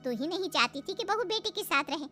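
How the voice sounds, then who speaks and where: Sly gossipy old neighbour. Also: female voice, very high voice, animated, brisk, bright, forceful tone, faint music behind, heavily acted. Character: scheming older female neighbour friend, gossipy and cruel. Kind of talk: cartoon voice acting.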